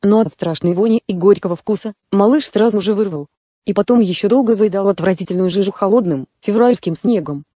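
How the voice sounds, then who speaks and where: A woman narrating a story in a steady, even manner, as in an audiobook. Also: medium pitch, brisk, dry recording.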